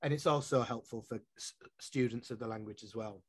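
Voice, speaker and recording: A Yorkshire poet and publisher, speaking with a Yorkshire accent, talks in an interview in a thoughtful, rambling way and often restarts. His mid-range voice is brisk and slightly rough. The recording is dry, with clean studio sound.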